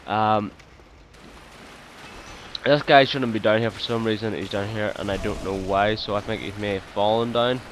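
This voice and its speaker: A man with a fairly low voice talks through his gameplay in a relaxed, chatty way, pausing often on ums and uhs. He sounds easygoing and quick to apologize. Faint noise sits behind him. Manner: hesitant, full of ums and uhs. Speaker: let's play host. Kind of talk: casual gameplay commentary.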